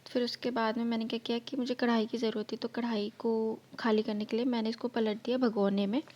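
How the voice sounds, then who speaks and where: A woman's voice: on the high side, level tone, fast, a little mellow. A woman narrating her cooking vlog, explaining each step in a chatty way, her throat slightly sore. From India. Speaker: vlogger.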